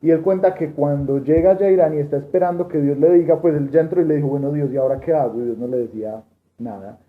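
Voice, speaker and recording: A man's voice: on the high side, fast talker. A man, telling a testimony story in a Bible study class, rambling with restarts and quoted dialogue. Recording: tinny lo-fi room recording with faint noise.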